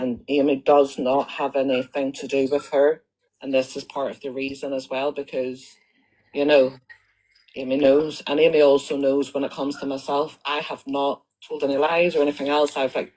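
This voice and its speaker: On a live stream, a woman with a Northern Irish accent addresses her viewers indignantly and accusingly, repeating herself as she builds her point. Her voice is rumbling and low with a slightly mellow quality. The recording is low-quality, with a little hiss or hum.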